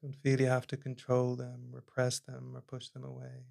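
A man leading a guided meditation, speaking slowly and calmly, his phrases trailing off softly at the ends. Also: mid-range voice, gravelly. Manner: slow, calm, soft-spoken, trailing off quietly at phrase ends. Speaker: meditation teacher.

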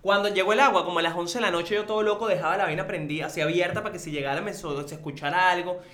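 A young Venezuelan man with a Venezuelan Spanish accent, co-hosting a casual chat, talking rapidly with animated, joking exasperation. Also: high voice, echoey room.

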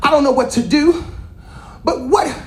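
A woman preaching a sermon, teasing and calling out to the congregation, swinging between shouted lines and quiet asides. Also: sits high, moderate pace, reverberant. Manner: lively, calls out and teases the congregation.

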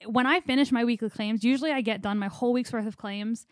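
Chatty and anxious, a young female podcast co-host rambles at length in a casual chat. She speaks fast in a slightly high voice, in a dry, studio-quality recording.

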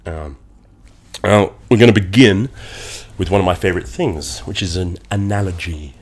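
A man's voice: low-pitched, normal speed, slightly rough. A man with a nasal, congested voice from a cold, hosting a solo podcast in a conversational, wordy and slightly dramatic way. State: getting over a cold. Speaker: podcast host.

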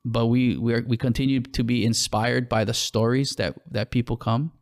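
Hawaiian man in his thirties, creaky-voiced, halting podcast talk. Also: mid-range voice, fairly even intonation, darkish tone. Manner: halting, many restarts and fillers. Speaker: podcast co-host, clothing brand owner. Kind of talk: casual podcast chat.

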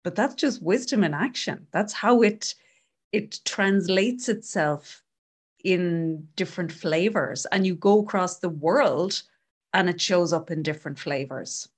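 A woman talking thoughtfully in a casual conversation, gently explaining an idea through a story. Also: fairly low pitch, measured pace, slightly rough. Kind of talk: reflective conversation.

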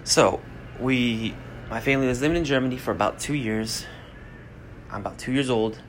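A man's voice: mid-range voice, normal speed, slight background noise. A young man hosting a podcast, talking in a blunt, rambling, motivational way and swearing freely. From United States. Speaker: podcast host. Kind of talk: casual motivational monologue.

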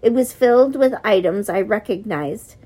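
A woman's voice: medium pitch, animated, normal speed, dark tone, slightly rough. A woman reading a novel aloud as an audiobook narrator, giving the characters slight shifts in voice.

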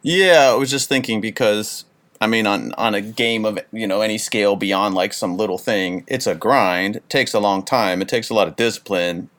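Low-voiced man asking curious questions. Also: moderate pace, fairly bright tone. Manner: curious, thoughtful, hesitant questions. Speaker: interviewer, podcast host. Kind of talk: casual conversation.

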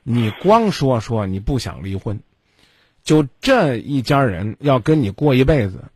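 A man hosts a radio advice line, and his voice swings widely up and down as he lectures. He is blunt and scolding and cuts in constantly. The sound is husky and dry, close to the mic. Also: medium pitch, sing-song, a little slow, darkish tone, dry recording. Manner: blunt, scolding, interrupts the caller. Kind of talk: call-in advice show.

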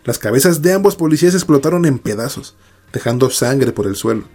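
A man narrating a first-person horror story in a measured, dramatic way. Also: medium pitch, lively intonation, a little mellow, soft background music.

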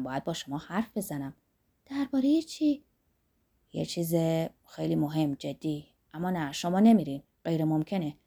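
A woman voicing an earnest, lovesick young man in a storybook reading, speaking low and pleading. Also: vocal fry, warm tone, full character voice.

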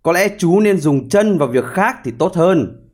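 A man's voice: high voice, lively intonation, normal speed, darkish tone. A man voicing a conceited male rabbit in a storybook tale, talking down with mocking smugness. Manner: smug, mocking. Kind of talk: storybook character voice.

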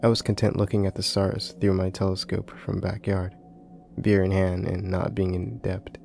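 A man's voice: low voice, little pitch movement, moderate pace, gravelly, darkish tone, faint music behind. A man hosting and narrating scripted horror stories, recorded in a closet with a slightly muffled home sound. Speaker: horror story narrator and host.

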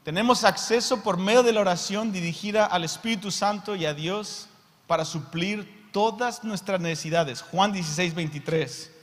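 A Mexican man preaching a sermon in a fairly high voice. He tells the story dramatically and acts out the scenes, swinging from quiet to loud. His voice rings with the long reverb of a big church hall. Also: moderate pace.

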